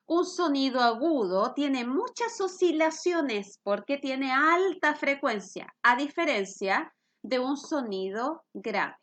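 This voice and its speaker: Middle-aged woman teacher, high voice, patient and explanatory, keeps asking the class if they follow. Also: fairly bright tone. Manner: patient, explains with questions to students. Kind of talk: recorded physics lesson.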